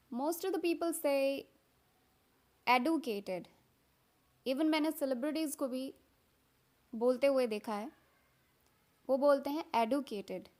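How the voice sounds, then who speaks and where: A young woman teaches pronunciation in a slow, deliberate way. She repeats each word and checks with "okay?". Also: high voice, darkish tone. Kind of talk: Hindi-language lesson with English example words.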